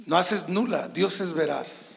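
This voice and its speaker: A Mexican pastor preaches with emphatic force, his voice pitched high with a gravelly edge. He talks into a handheld microphone, and his words ring through a reverberant church hall. He calls questions out to the congregation. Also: measured pace. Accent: Mexican Spanish. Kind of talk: sermon. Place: church sanctuary.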